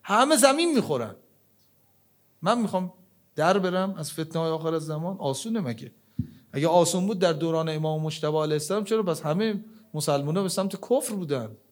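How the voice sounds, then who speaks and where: A man preaching a religious sermon, his voice swinging between loud, emphatic questions and low, hushed lines, with Arabic verses and prayers quoted along the way. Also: animated.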